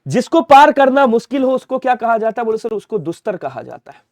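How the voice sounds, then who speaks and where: A young man teaching a rapid-fire Hindi grammar lesson online, repeating words and answering his own questions for the students. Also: extremely high pitch, very animated, a little mellow, dry recording. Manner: repetitive drilling, asks then answers for students.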